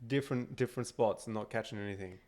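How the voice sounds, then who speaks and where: A man's voice: lowish voice, fast talker, a little mellow. A man co-hosting a podcast who jokes, laughs and swears freely as he reacts to the story. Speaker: podcast co-host. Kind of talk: casual banter.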